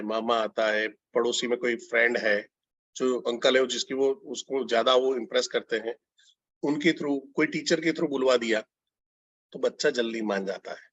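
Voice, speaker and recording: In a medium-pitched voice, a male business consultant delivers a conversational lecture to telecallers, asking them questions and moving between Hindi and English. The recording is dry and has a dull, lo-fi sound.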